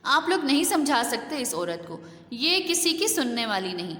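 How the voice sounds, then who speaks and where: A woman's voice: high voice, sing-song, fairly bright tone. A woman teacher voicing a stern, angry middle-aged husband who barks orders, read in an echoey room. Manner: barking, commanding.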